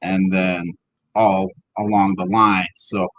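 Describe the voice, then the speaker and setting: A man's voice: sits low, level tone, slow, a bit bright, no room sound, poor audio. A man co-hosting a casual podcast from home over a call, rambling with many fillers and some swearing. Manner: rambling, filler-heavy, profane. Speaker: podcast co-host. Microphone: home computer mic over a call.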